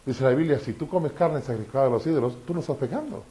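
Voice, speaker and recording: A man's voice: medium pitch, quick pace. A man preaching a sermon, often asking the congregation questions. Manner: animated, asks the congregation questions.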